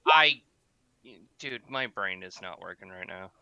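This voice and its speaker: A man's voice: low voice, animated, measured pace, gravelly, bright, forceful tone, clean tone, no echo. A man playing a tabletop game, narrating his character's actions with jokes. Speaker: player. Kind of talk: casual tabletop game play.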